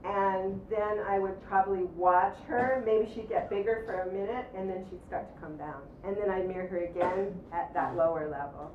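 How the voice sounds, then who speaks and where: A woman's voice: mid-range voice, normal speed, few pauses. A woman giving a workshop talk to an audience, taking questions and acting out scenes as she tells them. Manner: animated storyteller, acts out quoted voices. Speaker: workshop presenter. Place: room with audience. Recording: roomy, dull lo-fi sound with faint noise.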